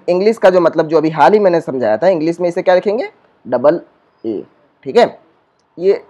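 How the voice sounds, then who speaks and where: A male school teacher with an eastern Uttar Pradesh Hindi accent, giving a patient whiteboard lesson that repeats points, asks rhetorical questions and stretches sounds slowly. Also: high-pitched, a little mellow, lo-fi sound.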